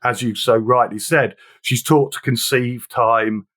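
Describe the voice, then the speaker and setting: A man's voice: medium pitch, fairly even intonation, a little slow, a bit bright. A man talking through a film in a casual discussion, earnest and reflective, sometimes reading passages aloud.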